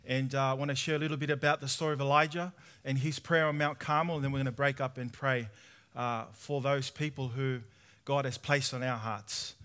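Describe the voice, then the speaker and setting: A man in his thirties from Sydney, Australia, speaks with an Australian accent in a mid-range, fairly even voice that is a little fast and clean. He gives a conversational testimony sermon at a church conference in a large indoor tent hall with an audience, drawing listeners in with questions and praying softly.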